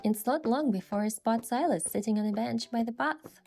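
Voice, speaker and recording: A woman with a fairly high, mellow voice and some vocal fry narrates at a moderate pace. She is the lead character and narrator of a game event story, performing scripted first-person narration and dialogue over music.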